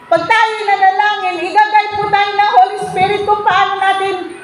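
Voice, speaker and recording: A woman's voice: very high-pitched, flat delivery, moderate pace. A woman preaching a sermon to a congregation and often asking them to answer back. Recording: very echoey room, faint background noise.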